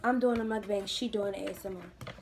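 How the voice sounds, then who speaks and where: A woman's voice: mid-range voice, fairly even intonation, a little fast. A young woman vlogging a mukbang at home, chatting casually and teasing her sister while she eats. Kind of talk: casual chat while eating. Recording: noisy home recording.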